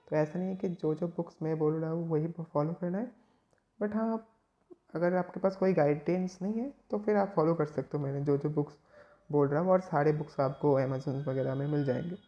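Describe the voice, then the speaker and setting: Male tutor from West Bengal talking students through prep; loose, halting delivery, warm low timbre, muffled home recording. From West Bengal, India. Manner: rambling, restarts and fillers. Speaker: chemistry exam tutor. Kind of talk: informal study advice to students.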